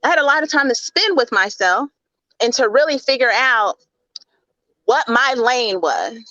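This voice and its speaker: A woman with a fairly high voice and a Mississippi drawl that drops its G's. She tells her story conversationally, as an interview guest. The sound is very dry and a little muffled. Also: lively intonation, normal speed, sharp tone, no room sound. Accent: Southern US, Mississippi drawl. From Mississippi, United States. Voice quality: Southern drawl, dropped G's. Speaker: guest, public speaker.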